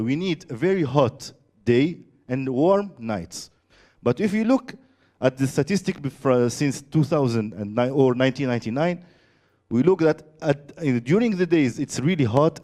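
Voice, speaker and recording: Brief: male presenter, mellow and warm, hesitant with lots of uh's. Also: medium pitch. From Tunisia. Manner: halting, searching for words with many fillers. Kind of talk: conference presentation.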